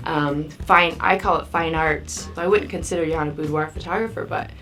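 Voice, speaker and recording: A woman's voice: deep voice, fairly even intonation, normal speed, a bit bright, faint music behind. A woman photographer chatting enthusiastically in an interview confessional.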